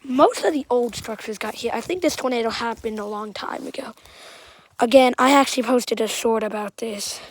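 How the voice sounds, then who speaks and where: Outdoors among storm damage, a Southern-sounding woman gives rambling, halting commentary that often tails off quietly. Her voice is slightly high, and there's no echo.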